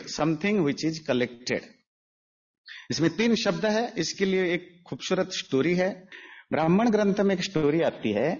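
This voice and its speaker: A man's voice: on the high side, breathy edge. A man teaching a spiritual lecture in an emphatic, explanatory way, mixing in English phrases. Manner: mixes Hindi with English phrases. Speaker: religious teacher. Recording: dull lo-fi audio.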